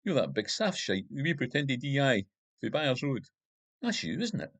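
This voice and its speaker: A man's voice: mid-range voice, sing-song, normal speed, a bit bright, dry recording, voice pushed up. A man voicing a drunk, belligerent, middle-aged Glasgow gangster with a Glaswegian accent and coarse, swearing speech. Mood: menacing. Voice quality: coarse, swearing, slurred by whiskey. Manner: belligerent and panicky.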